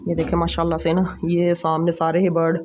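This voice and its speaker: A man's voice: on the high side, monotone, a little fast, darkish tone, a little hiss or hum. A man from Pakistan with a Pakistani Urdu accent, chatting casually to the camera as he tends his birds. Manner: chatty, repeats filler phrases, talks while handling birds. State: out of breath after climbing stairs. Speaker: bird breeder vlogger. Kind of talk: casual walk-through vlog. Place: rooftop bird setup, outdoors. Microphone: handheld camera held in one hand.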